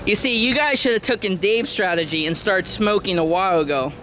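A man's voice: high voice, fairly quick, sharp tone, soft background music. A young man giving casual running commentary as a vlogger at an eating contest. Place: outdoor restaurant patio at night. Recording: noisy outdoor camera audio.

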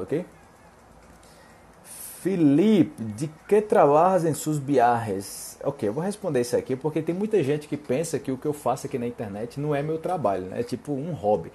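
A man's voice: medium pitch, dark tone. A young Brazilian man with a Brazilian Portuguese accent, a Portuguese teacher chatting casually as he reads out viewer questions and answers them. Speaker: Portuguese teacher and online host. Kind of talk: casual live Q&A.

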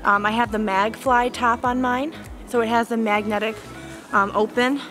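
A woman's voice: a little high, fairly even intonation, normal speed, music in the background. A young woman vlogging on a winter hike in the woods, talking chattily to a handheld camera with lots of fillers. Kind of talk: casual vlog talk to camera.

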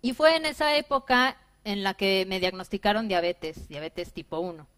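A woman, giving a personal keynote talk to a seated audience in a bright conference room, lively and acting out her own past remarks. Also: mid-range voice, moderate pace. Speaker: conference speaker.

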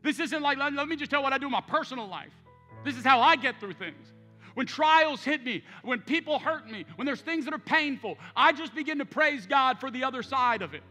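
Male pastor, 30s, high bright voice, passionate storytelling preacher in a reverberant sanctuary. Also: animated, brisk. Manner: impassioned, emphatic preaching with storytelling. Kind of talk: sermon. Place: large church sanctuary. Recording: church hall reverb with soft music.

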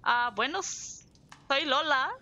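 A Portuguese-speaking woman from southern Brazil, with a regional accent, chats casually and at length while streaming a game live, laughing easily. Her high-pitched voice is pushed and bright, she takes it slowly, and the audio is dull.

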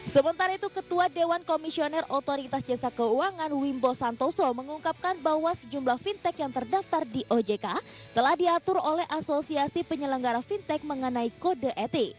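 A woman presenting a business news segment, reading a scripted voice-over in a bright, upbeat way. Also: high voice, brisk, faint music behind.

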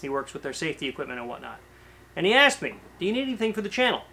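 Man in his 30s, casual workshop vlogger, slightly high voice, loose and chatty, garage. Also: very fast, creaky. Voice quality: relaxed, chatty, with frequent fillers and restarts. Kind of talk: casual show-and-tell to camera. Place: cluttered garage workshop, indoors.

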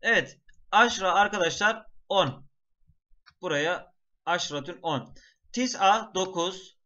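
Slow and forceful, this man's high, bright voice carries an exam-prep lesson broken into clear steps. He keeps speaking to the class and chants lists of words in a sing-song way, captured on dull, lo-fi audio.

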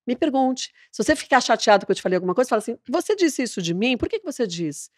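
A woman, a TV presenter, chatting as a podcast guest and telling a story lively, acting out the dialogue. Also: fairly high pitch, rapid-fire, no echo, studio quality. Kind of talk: casual interview chat.

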